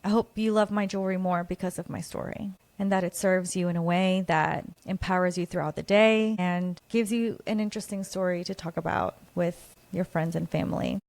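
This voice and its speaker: A woman's voice: lowish voice, fairly even intonation, moderate pace, gravelly, few pauses, darkish tone, no echo. Earnest woman podcaster, dry close sound. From Guatemala. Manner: earnest, reflective, openly personal. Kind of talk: personal solo monologue.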